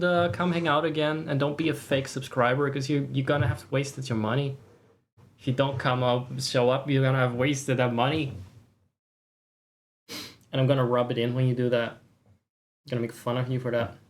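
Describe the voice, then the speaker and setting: Livestream host, casual chat. Mid-range pitch, sarcastic, mock-boastful, foul-mouthed. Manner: profane. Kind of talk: casual chat to stream viewers.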